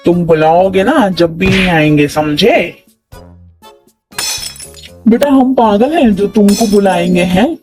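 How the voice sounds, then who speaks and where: A man's voice: sits high, moderate pace, lightly acted. Man doing a taunting quarrelsome cartoon man. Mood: scolding. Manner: taunting, scolding, keeps asking "samjhe?". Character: quarrelsome bossy man scolding a coworker. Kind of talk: animated comedy dialogue. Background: background music.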